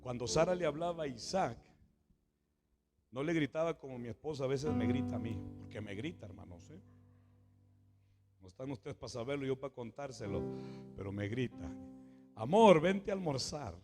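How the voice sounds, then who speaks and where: A Mexican man preaching a Pentecostal sermon as pastor. He rises to shouts, drops to a hush, and keeps calling out to his brothers and sisters. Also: mid-range voice, brisk, long pauses. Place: church hall. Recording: echoey church with guitar playing behind.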